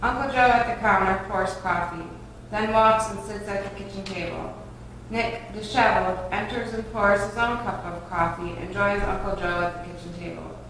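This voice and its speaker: In an echoing room with a distant mic and faint noise, a woman reads the stage directions at a table read. Her delivery is moderately paced, her pitch medium and her tone fairly bright.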